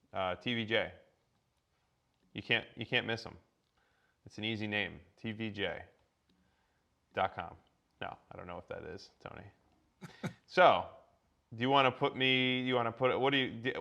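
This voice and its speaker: A man's voice: on the low side, bright, forceful tone. A man walking viewers through a tech setup on a casual livestream, rambling with many restarts and filler words. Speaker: guest presenter.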